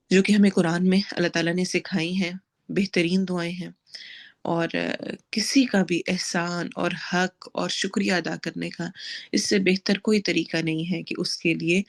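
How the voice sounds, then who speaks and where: A woman teaching a lesson on Quranic supplications, explaining each word and reciting verses slowly and drawn out. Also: lowish voice. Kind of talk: lesson on Quranic duas with tajweed.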